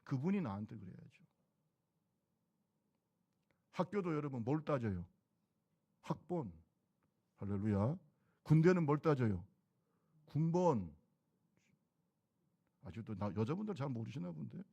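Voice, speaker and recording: A man's voice: mid-range voice, sing-song, a little slow, creaky, long pauses, dark tone, slightly rough, muffled recording. A middle-aged man preaching a sermon as pastor of his church, talking in a conversational way and firing rhetorical questions at the congregation. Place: church sanctuary.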